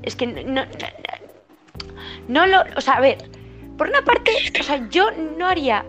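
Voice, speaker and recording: A woman's voice: high-pitched, very animated, normal speed, fairly bright tone, soft background music. A teenage girl, chatting casually as a student, indignant and full of colloquial slang. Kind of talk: casual chat.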